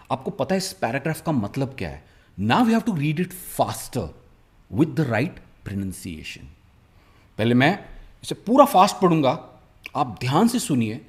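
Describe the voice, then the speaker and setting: A man teaching a spoken English lesson, drawing out each model word slowly and coaxing his viewers to repeat after him. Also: mid-range voice. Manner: slow, stretched-out model pronunciations of words; lively, coaxing teacher's delivery.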